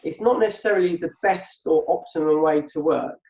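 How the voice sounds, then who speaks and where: A man co-hosting a podcast, an adult with a business behind him, talks fairly quickly in a fairly high, slightly mellow voice. He thinks aloud, repeating words as he offers reflective, conversational explanations. The sound is muffled and echoey, as if in a room.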